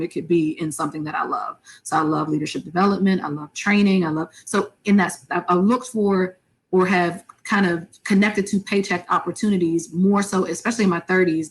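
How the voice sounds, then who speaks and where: A woman's voice: fairly low pitch, poor audio. A woman in her thirties on a podcast, reflecting and thinking aloud with some restarts. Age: 30s. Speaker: podcast co-host. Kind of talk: casual podcast chat.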